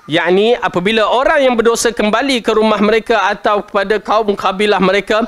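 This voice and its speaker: A man with a Malaysian Malay accent giving a Quran commentary lecture, colloquial and jokey, chanting verses slowly. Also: sits high, fairly bright tone, clear, resonant tone.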